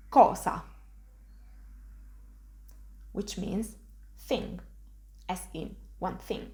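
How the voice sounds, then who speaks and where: A woman with an Italian accent teaching pronunciation, saying each sound slowly and clearly and then repeating it. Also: medium pitch, a little mellow. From Italy. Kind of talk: slow, careful pronunciation lesson.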